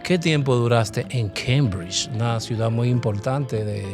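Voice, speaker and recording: A man's voice: medium pitch, a little slow, darkish tone, faint music behind. A man hosting an interview, asking questions and rephrasing them. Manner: inquisitive, repeats questions. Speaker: interview host. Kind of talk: conversational interview.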